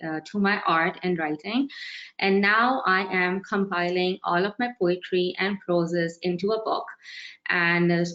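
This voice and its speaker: A woman in her twenties, originally from Pakistan, with a lowish voice introduces herself softly with pauses. The audio is dull and lo-fi. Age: 20s. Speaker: panelist. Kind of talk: self-introduction.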